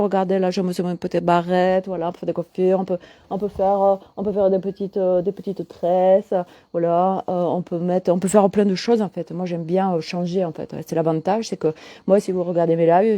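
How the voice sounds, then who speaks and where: Mellow-voiced middle-aged woman chatting live. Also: lowish voice, dry recording. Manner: chatty, answers viewers' comments as she talks. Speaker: holistic coach. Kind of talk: casual live stream chat.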